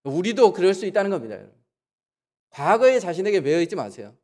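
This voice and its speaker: A pastor gives a Sunday sermon in a church sanctuary. His voice sits a little high for a man. He keeps asking the congregation questions and acts out the people he quotes with sudden leaps in pitch. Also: big pitch swings, quick pace, a little mellow. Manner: asks the congregation rhetorical questions.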